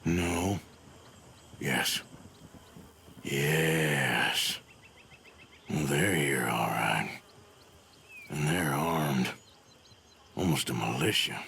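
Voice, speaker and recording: Wry American outlaw gunman, gravelly and forceful, dry drawl, Western video game. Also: rumbling low, very slow, long pauses, a little hiss or hum, exaggerated voice. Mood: calculating.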